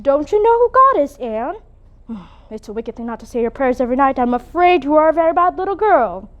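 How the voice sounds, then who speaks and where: A woman's voice: high voice, big pitch swings, brisk, muffled recording. A woman playing a stern, strict older spinster in a competitive interpretation piece, scolding and disapproving.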